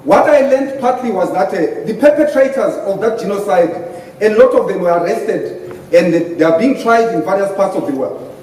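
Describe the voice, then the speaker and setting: A man's voice: high voice, expressive, moderate pace, darkish tone. A middle-aged man with a Zimbabwean accent giving an impassioned, emphatic debate speech as a party panelist, mixing English and Ndebele. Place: hotel conference hall. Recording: very echoey hall, distant mic, faint noise.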